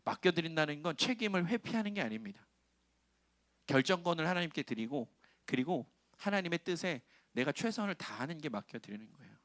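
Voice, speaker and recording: A middle-aged male pastor gives a sermon to young adults, with a fairly high voice that rises and falls a great deal. He talks in a conversational way, puts questions to his listeners and acts out quoted lines. The sound is dry and close, with no room echo. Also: lively intonation, fairly quick, a bit bright.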